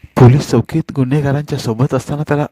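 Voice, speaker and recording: A man reading a novel aloud as an audiobook narrator, slow, sorrowful and expressive. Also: medium pitch, dry recording.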